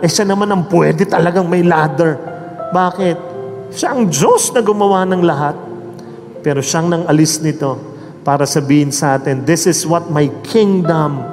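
A high-voiced man preaches at an unhurried, deliberate pace, leaning on each phrase. His voice rings out in a large hall with a long reverb tail and soft music underneath. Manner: slow, emphatic preaching, mixing English and Filipino. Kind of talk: sermon with storytelling.

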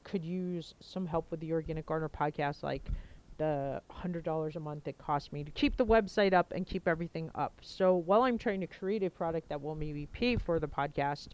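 A woman hosting a podcast, chatting casually and rambling as she thinks aloud, recorded on a low-quality headphone mic. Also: normal speed, a little mellow, highs cut off. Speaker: podcast host. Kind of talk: casual chat, informal podcast announcement. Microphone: headset, talking into headphones.

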